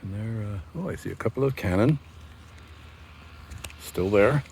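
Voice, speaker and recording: A man narrating a casual walking tour of an old fortress outdoors, rambling with many pauses and fillers, recorded on a handheld camera mic. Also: lowish voice, vocal fry, a little mellow, slight background noise. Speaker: tour guide vlogger.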